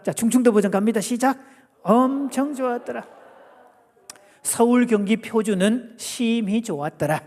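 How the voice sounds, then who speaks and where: A man giving a lively church family seminar, playfully asking the audience questions and acting out quotes. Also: sits high. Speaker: guest seminar lecturer. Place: church sanctuary. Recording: long church hall reverb.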